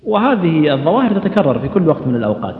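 Male recitation teacher, a bit high-voiced, explains and demonstrates each word, recorded in a roomy, lo-fi hall. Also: big pitch swings, racing. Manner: explanatory, demonstrates words repeatedly, asks rhetorical questions. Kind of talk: explaining Quranic pronunciation rules, with sung demonstrations. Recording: echoey, dull lo-fi hall recording.

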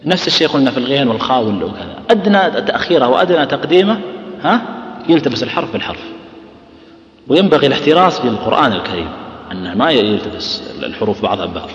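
A man's voice: mid-range voice, expressive, very fast. A man teaching Quran recitation, quizzing his listeners and sounding out letters as he goes. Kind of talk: lecture on letter articulation. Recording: echoey hall, dull cassette tape.

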